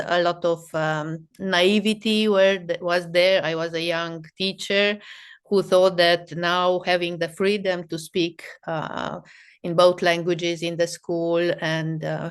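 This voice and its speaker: A woman from Romania talks slowly and thoughtfully on a video call. Her voice is smooth and clear and sits fairly low, and she often pauses to search for the right English words. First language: Romanian and Hungarian. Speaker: guest psychologist. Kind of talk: live interview over video call.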